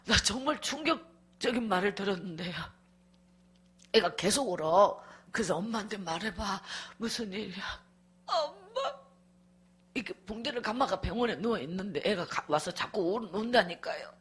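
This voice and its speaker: Husky-voiced woman evangelist telling her story. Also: medium pitch, animated, normal speed, a bit bright. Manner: emotional, vivid storytelling. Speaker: evangelist preaching at a revival meeting. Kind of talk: revival sermon testimony.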